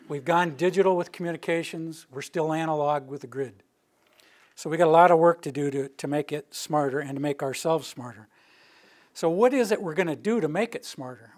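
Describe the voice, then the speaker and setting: An older man nearing retirement, from the Rocky Mountain region, works as a utility planning director and is giving a casual public presentation in a meeting room before a live audience. He speaks steadily, almost in a monotone, and his voice is pitched a bit higher than the typical man's.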